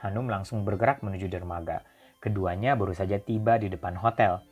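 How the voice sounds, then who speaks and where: Low-voiced male audiobook narrator. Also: a little fast, husky, dull audio, soft background music. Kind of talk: scripted narration.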